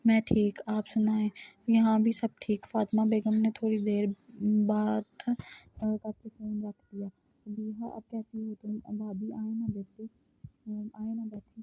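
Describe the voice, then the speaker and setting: A woman's voice: mid-range voice, creaky, mellow, slight background noise, rough recording. A woman reading a romance novel aloud, speaking every character's lines in her own voice. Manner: reads dialogue of many characters without changing her voice. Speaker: novel reader.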